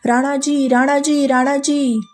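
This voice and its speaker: A woman voicing two scheming palace maids who tattle in an excited, urgent way in a told story. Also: fairly high pitch, slow pace, faint music behind.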